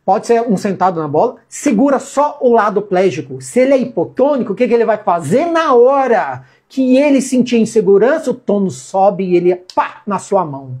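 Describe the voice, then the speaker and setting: A woman's voice: medium pitch, big pitch swings, normal speed, hardly any pauses, darkish tone, slightly rough. A woman with a Brazilian Portuguese accent giving an informal physiotherapy lecture, repeating key points and answering her own questions. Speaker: physiotherapy instructor.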